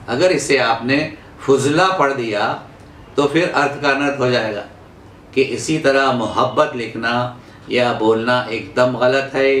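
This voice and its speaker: A man teaching Urdu pronunciation, reading out words slowly and repeating each one for emphasis. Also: mid-range voice, a bit bright, roomy sound, slight background noise. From India. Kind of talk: slow explanatory lesson.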